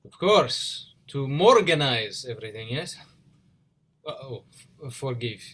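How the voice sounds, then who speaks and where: In a remote online play reading of a period drama, recorded over video call from indoors, a man plays Tesla as an animated, eccentric scientist: a formal, earnest, awkward immigrant. His mid-range voice is unhurried, formal and admiring, courteous, with clipped phrasing that drops articles.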